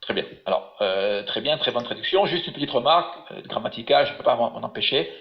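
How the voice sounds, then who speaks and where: A man's voice: medium pitch, animated, fast talker. Man teaching over an echoey video call. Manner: patient, encouraging, explains step by step. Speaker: biblical Hebrew teacher. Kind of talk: online class, teaching. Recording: echoey room, dull webinar audio.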